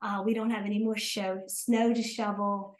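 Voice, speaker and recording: A woman's voice: medium pitch, level tone, normal speed, darkish tone, rough recording. An older woman from South Jersey with a South Jersey accent, chatting as an interview guest, hesitant with many ums and restarts. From South Jersey, USA. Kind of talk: casual interview chat.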